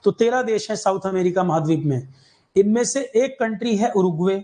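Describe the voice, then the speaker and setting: A man's voice: sits high, a little fast, warm tone, rough recording. A man from India teaching a current affairs lesson for exam preparation, repeating key facts and checking that students follow. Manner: repetitive, drills key facts, asks "clear?".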